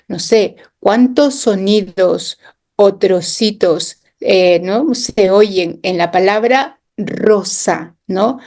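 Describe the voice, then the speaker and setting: A woman's voice: medium pitch, darkish tone. A woman guest on a radio interview, patiently explaining with classroom examples, sounding out words and tagging her points with little questions. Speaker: interview guest, education specialist.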